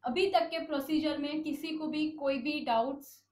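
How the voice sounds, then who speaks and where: Woman, makeup instructor, step-by-step explaining, high-pitched, roomy echo. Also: steady tone, measured pace, a little mellow, distant mic. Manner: explains step by step, often checks with students. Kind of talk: online class demonstration.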